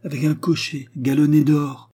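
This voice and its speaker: A man's voice: on the high side, little pitch movement, moderate pace, warm tone, breathy edge, voice pushed up. A man voicing a sly, gossipy old widow concierge in an audiobook. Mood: sly gossip. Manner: gossiping, teasing, drawn out. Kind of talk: audiobook character voice.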